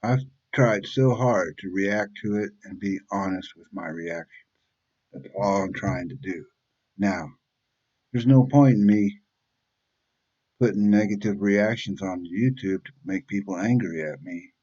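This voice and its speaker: A man's voice: on the low side, measured pace, a little mellow, highs cut off. A man in his fifties hosting a reaction channel, talking bluntly and rambling in a casual monologue, swearing freely. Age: 50s. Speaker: YouTube reaction channel host.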